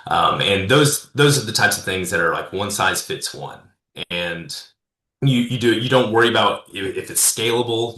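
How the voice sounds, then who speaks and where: Low bright-voiced man telling stories. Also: echoey room. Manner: rambling, many fillers and restarts. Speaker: guest, consultant and speaker. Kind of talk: casual storytelling interview.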